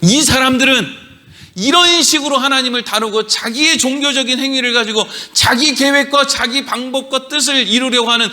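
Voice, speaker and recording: A man's voice: very high-pitched, normal speed, bright, forceful tone. A male pastor preaching a sermon in a church, emphatic, acting out prayers in mocking voices.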